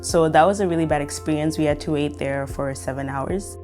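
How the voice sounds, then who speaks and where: Low-voiced young woman from Kenya. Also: a little fast, music in the background. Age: young adult. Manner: reflective, with frequent fillers. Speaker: interviewee. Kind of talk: documentary interview.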